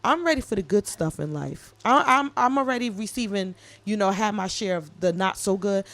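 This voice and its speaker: A woman in her late thirties co-hosting a podcast, talking in a casual, animated, jokey and heartfelt way. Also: medium pitch, a little fast. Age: 30s. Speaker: podcast co-host. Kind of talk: casual chat.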